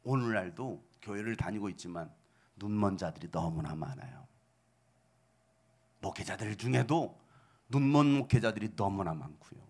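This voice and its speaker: A middle-aged male pastor preaching, full of rhetorical questions and sudden shouted outbursts, with a gravelly voice. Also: lowish voice. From South Korea. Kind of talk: sermon.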